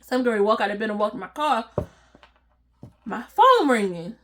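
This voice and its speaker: A young woman telling a storytime vlog in a casual, slangy way, animated and laughing often as she talks. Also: a little high, normal speed, a little hiss or hum. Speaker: vlogger.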